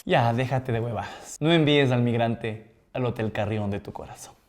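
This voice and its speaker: A woman's voice: extremely low pitch, normal speed, darkish tone, slight background noise. A woman hosting a satirical news segment with a wry, sarcastic delivery. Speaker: host.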